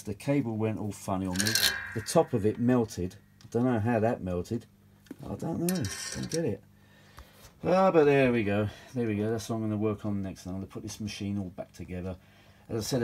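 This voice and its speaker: A British man with a fairly low, mellow voice presents his own vintage audio repair videos, rambling casually at the workbench. He comes across as grumbling, world-weary and mildly sweary.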